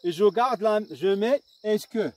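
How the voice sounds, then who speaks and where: Un homme enseignant donne une leçon de grammaire avec un marocain, lentement, en répétant et en marquant des hésitations. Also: male voice, high-pitched, lively intonation, darkish tone. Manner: slow, deliberate, dictating and repeating, with fillers. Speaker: primary school teacher. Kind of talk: grammar lesson. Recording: distant mic with faint insect noise.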